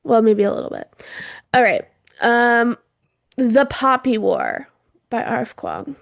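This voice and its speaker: A woman's voice: a little high, huge pitch swings, takes it slowly, vocal fry, no room sound, clean studio sound. A woman co-hosting a podcast in casual chat, chatty and laughing often, her throat irritated from smoke. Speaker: podcast co-host.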